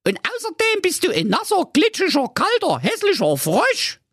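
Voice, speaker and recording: A man voicing a spoiled, rude young princess in a squeaky falsetto, for a comic fairy-tale parody reading. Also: wildly swooping pitch, moderate pace, a bit bright, dry recording, clean studio sound, full character voice. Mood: snippy. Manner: shrill squeaky falsetto, snippy and scornful.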